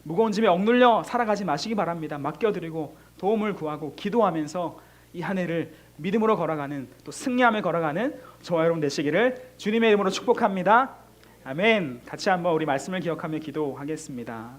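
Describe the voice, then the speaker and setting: A middle-aged man preaching to a middle school youth group, earnest and repetitive, acting out pleading prayers as he speaks. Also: animated. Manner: earnest, repeats phrases, voices pleading prayers with rising pitch; leads the congregation in reading scripture slowly. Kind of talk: sermon.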